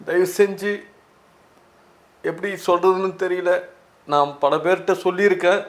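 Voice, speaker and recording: A man's voice: sits high, normal speed. A man with a Tamil accent, a film director in an interview, talking through tears and pleading. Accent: Tamil Nadu. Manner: tearful and pleading, voice breaking while talking. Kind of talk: emotional interview answers.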